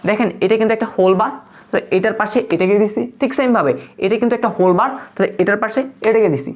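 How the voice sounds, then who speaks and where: A woman's voice: mid-range voice, very fast. A woman teaching a live online class, patiently asking questions and answering them herself. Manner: patient, asks and answers her own questions. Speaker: online tutor. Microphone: phone. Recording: dull lo-fi stream audio.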